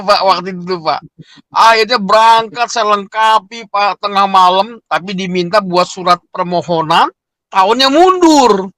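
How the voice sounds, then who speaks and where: A man's voice: high voice, sharp tone, dry recording. A middle-aged man telling his personal story with emotion, often addressing his listener as "Pak". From Indonesia. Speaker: interviewee. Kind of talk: personal testimony.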